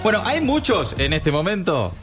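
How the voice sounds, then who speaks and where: A man's voice: high voice, huge pitch swings, moderate pace, music in the background. Argentine man hosting radio chat. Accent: Argentine Spanish. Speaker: radio host.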